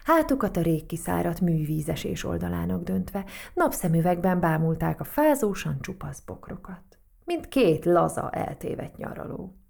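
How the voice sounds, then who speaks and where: A woman narrating a children's story aloud in a gentle, expressive way. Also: on the low side, vocal fry.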